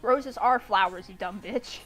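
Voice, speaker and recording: With background music behind her, a young woman giggles and swears her way through reading and mocking a fan fiction story in casual, irreverent commentary. She speaks at a measured pace in a medium-pitched, somewhat bright voice.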